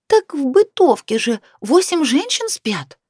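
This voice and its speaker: A woman voicing a flustered female neighbor who speaks in a high, excited voice. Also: measured pace, no room sound, studio quality.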